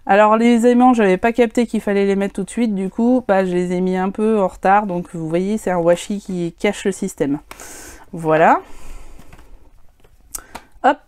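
A woman's voice: medium pitch, a little mellow. Chatty woman showing her scrapbook. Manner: chatty, hesitant, many fillers, self-deprecating. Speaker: scrapbooking vlogger. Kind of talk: casual show-and-tell of crafts.

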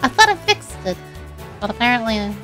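A bubbly, giggly woman streamer with a high, bright voice chats casually to her viewers. A heavy echo rings behind every word, like a shout into a canyon, from her misconfigured audio. Faint music plays underneath. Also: sing-song, brisk. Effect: heavy echo on her voice from a broken audio setup. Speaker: game streamer. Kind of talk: casual live game stream chat.

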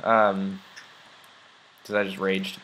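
A man's voice: low-pitched, completely flat delivery, slow pace, a bit bright, slight background noise, poor audio. A young man chatting casually while playing a video game, rambling along with lots of ums and uhs. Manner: rambling, chatty, many fillers. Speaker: let's play gamer. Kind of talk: casual gameplay commentary.

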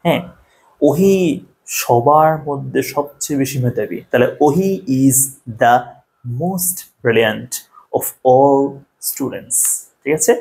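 A man's voice: medium pitch, takes it slowly, gravelly, darkish tone. A man teaching an English grammar lesson, explaining step by step and checking in with the viewer often. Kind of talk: Bengali-language grammar lesson.

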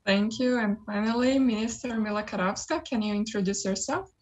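A woman's voice: mid-range voice, brisk, lo-fi sound. Young woman moderating an online panel. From Brazil. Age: 20s. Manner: polite, reads questions carefully. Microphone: webcam on a video call.

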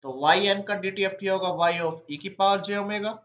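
A man's voice: high-pitched, steady tone, normal speed, a bit bright, echoey room, dull audio. A man teaching an exam-prep lesson, walking through each step by asking himself questions and then answering them.

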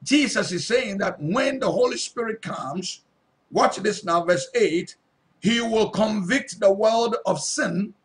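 Guy preaching slow, keeps asking are you listening, pretty high voice. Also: fairly bright tone. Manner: reads verses then repeats and stresses them; calls out to listeners, asks if they are listening. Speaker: pastor. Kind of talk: sermon teaching scripture.

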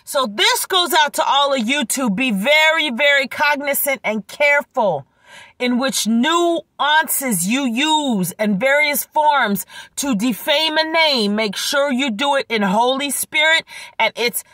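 A woman preaches in a high, bright voice with a dry, close sound, speaking through a swollen throat and tonsils. Her religious monologue is emphatic and exhorting, and she repeats phrases to drive them home. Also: lively intonation, slow pace, no echo. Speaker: religious video creator, preacher.

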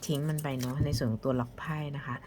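Low-voiced woman chatting softly through an unboxing. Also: steady tone, quick pace, slight background noise. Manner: chatty, soft-spoken, drifts into whispers while handling cards. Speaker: tarot card reviewer. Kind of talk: casual unboxing review.

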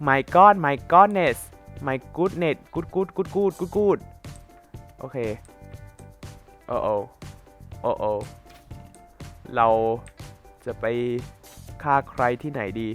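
Lively, bright-voiced man playing games. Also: a little high. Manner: mock-formal, teasing and sarcastic, with lots of exclamations. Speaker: gaming channel host. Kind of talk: playful Minecraft gameplay commentary.

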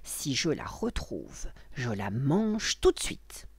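A woman's voice: rumbling low, sing-song, slow, vocal fry, a little mellow, breathy edge, no echo, clean studio sound, full character voice. A woman voicing a wicked old witch in a children's story, with a theatrical, cackling manner. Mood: vengeful.

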